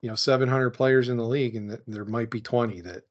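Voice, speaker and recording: A man's voice: medium pitch, fairly even intonation, fast talker. A man co-hosting a casual podcast chat who speaks bluntly and lists examples one after another. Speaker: podcast co-host. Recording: dull lo-fi audio.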